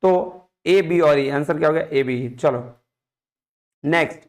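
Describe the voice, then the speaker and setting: A man teaching an exam prep lesson, going through quiz questions, reading English question text slowly and explaining in quick asides while coaxing students to answer. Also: on the high side. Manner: coaxing, keeps asking students to tell the answer.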